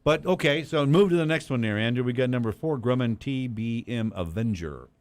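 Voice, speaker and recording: A man's voice: mid-range voice, a little fast, no room sound. A man hosting a casual talk radio show, bantering and joking with his guests. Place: studio broadcast streamed live.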